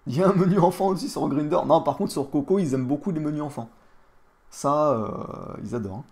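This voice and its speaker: Gravelly joking male streamer. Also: fairly high pitch, brisk, a little mellow. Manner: crude, joking, talks to chat. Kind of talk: casual live stream chat.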